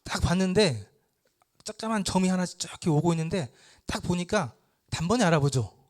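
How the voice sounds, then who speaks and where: A man lecturing at church, retelling a parable with lively storytelling and rhetorical questions. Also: high-pitched, brisk.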